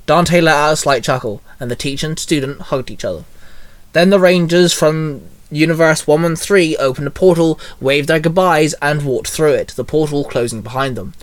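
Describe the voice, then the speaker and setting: A man reading fan fiction aloud as narrator, in a steady storytelling read. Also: fairly high pitch, normal speed, no echo.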